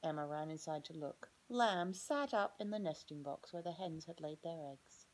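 A woman preschool teacher gently reading a picture book aloud to children and asking them questions about the pages. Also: sits low, animated, moderate pace, low-quality recording.

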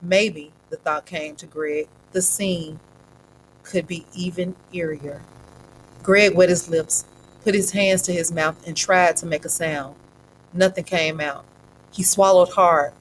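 A woman narrating a suspenseful story aloud in a steady, dramatic reading voice. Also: on the low side, unhurried, slight background noise, poor audio.

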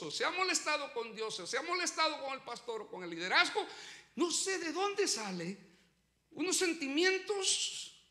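A pastor preaching a sermon, swinging between loud urgent lines and low quiet ones as he calls his listeners brother. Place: church sanctuary. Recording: echoey church room.

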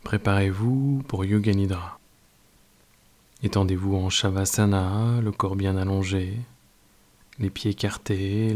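French male meditation guide, deep and soft-spoken, slow calm delivery. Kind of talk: guided yoga nidra meditation.

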